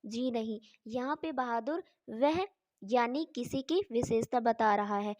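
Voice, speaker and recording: Woman, high voice, grammar teacher, spells words out, dry close sound. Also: measured pace, darkish tone, no echo. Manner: asks questions and answers them herself, spells words letter by letter. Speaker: English teacher. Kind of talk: grammar lesson in Hindi.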